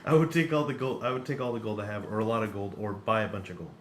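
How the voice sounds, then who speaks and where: Joking low-voiced man in casual chat. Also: racing, noisy background. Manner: joking, deadpan banter. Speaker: podcast co-host.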